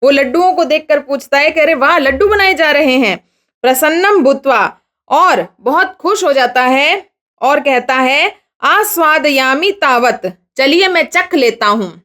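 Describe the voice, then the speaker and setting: Female teacher, high voice, slow careful reading, then explaining with questions to the class. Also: expressive, a bit bright. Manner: reads each Sanskrit phrase slowly, then explains it with questions to students. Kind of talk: Sanskrit lesson explained in Hindi.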